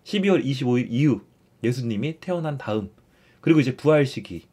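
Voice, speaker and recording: A young man leads a relaxed catechism lesson in an easy, conversational way. He restates his points and keeps nudging listeners along with a prompting "so". His voice sits at a mid pitch for a man. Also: brisk, breathy edge. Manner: explains warmly, repeats phrases, often starts with "자".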